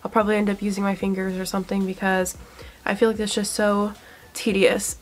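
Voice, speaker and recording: Talking briskly with little pitch movement, a young beauty vlogger sounds stuffed up from a cold while testing skincare for a casual review. Her mid-range voice is eager and loose, peppered with likes and ums, and she sounds near the camera in a small room.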